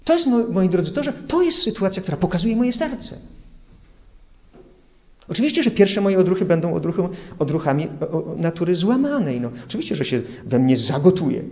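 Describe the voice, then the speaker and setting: Animated male preacher, lo-fi sound. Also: sits high, brisk. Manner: earnest, animated preaching with everyday examples. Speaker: priest. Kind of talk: sermon.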